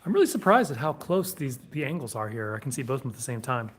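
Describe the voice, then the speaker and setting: A man's voice: medium pitch, very animated, fast talker, a little hiss or hum. A man co-hosting a sword shop live stream, reading viewer comments aloud in a casual way.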